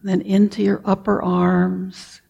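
Slow, husky-voiced woman guiding meditation. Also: medium pitch, highs cut off. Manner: slow, soft-spoken and calm, with frequent throat clearing. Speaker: meditation teacher. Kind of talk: guided meditation.

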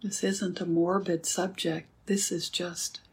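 Woman meditation teacher, kinda low husky voice, calm and gentle, takes her time. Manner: calm, unhurried, gentle pauses. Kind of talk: guided meditation talk.

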